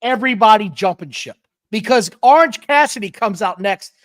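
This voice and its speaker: A man co-hosting a podcast, talking in an animated, opinionated way in casual chat. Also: high voice, normal speed. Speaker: podcast co-host.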